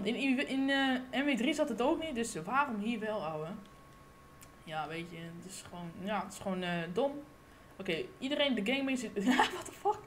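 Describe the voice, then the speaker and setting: A woman giving live gameplay commentary on her gaming channel, excitable and cursing, with sudden loud outbursts, recorded on a desk condenser mic. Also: medium pitch, a little hiss or hum.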